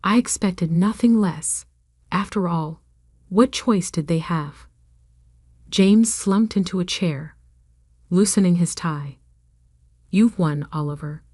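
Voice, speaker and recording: A woman reading a first-person revenge story as scripted narration, with measured, even delivery. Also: fairly low pitch, no room sound, clean studio sound.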